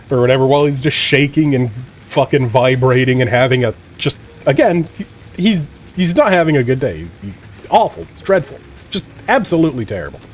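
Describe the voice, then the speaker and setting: A man's voice: medium pitch, darkish tone. A man streaming a game, telling a rambling, profane story and acting out the dialogue. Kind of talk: casual storytelling while gaming. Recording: music playing under the voice.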